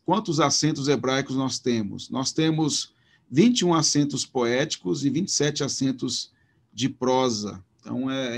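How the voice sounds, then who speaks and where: A man with a Brazilian Portuguese accent teaching a recorded Hebrew lesson, talking haltingly with many restarts while he points things out on slides. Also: medium pitch. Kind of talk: recorded online lecture.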